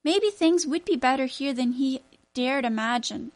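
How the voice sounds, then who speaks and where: A woman narrating a children's story aloud in a clear, even reading manner. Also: high voice, normal speed.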